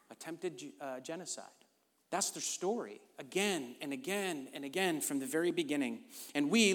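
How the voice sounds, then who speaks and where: A man delivers a sermon with emphatic, conversational conviction, often pausing to ask the congregation "right?". His voice sits a little high. The sound carries the long reverb of a large church hall. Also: a bit bright. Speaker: pastor.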